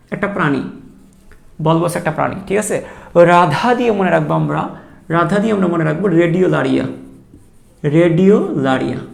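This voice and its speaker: Fast, gravelly male tutor. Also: high voice. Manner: chatty, joking, repeats key points. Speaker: teacher. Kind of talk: online exam-prep lecture.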